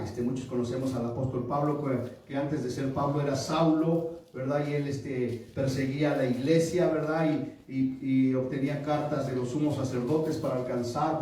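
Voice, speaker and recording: A man's voice: medium pitch, a little hiss or hum. Man preaching in an echoey hall. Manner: rises to loud emphatic peaks, asks the congregation questions. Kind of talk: sermon. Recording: echoey room from far off.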